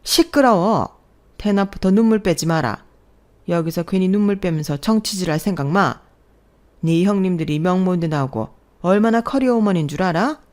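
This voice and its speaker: A woman voicing a domineering middle-aged mother-in-law in an audio story, scolding sharply and loudly. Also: on the low side, a little fast, close to an everyday voice.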